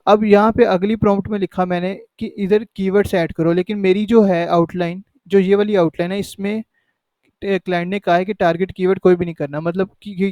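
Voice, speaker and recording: High-voiced man explaining a tutorial. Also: warm tone, no room sound. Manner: conversational, repeats "ठीक है" to check in. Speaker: tutorial host. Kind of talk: casual screen-recorded tutorial.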